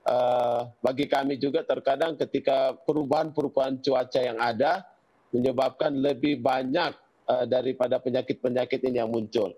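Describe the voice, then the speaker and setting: A man's voice: mid-range voice, normal speed. A man, a tomato farmer, steadily listing pests and treatments in an interview. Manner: steady, listing items one by one. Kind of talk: practical explanation in an interview.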